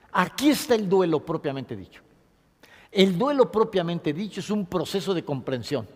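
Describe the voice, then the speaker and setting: A man's voice: high-pitched, big-room sound. A man giving a classroom lecture. He speaks expressively and dictates points for his listeners to write down. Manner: expressive, acts out sobs and dictates points to note.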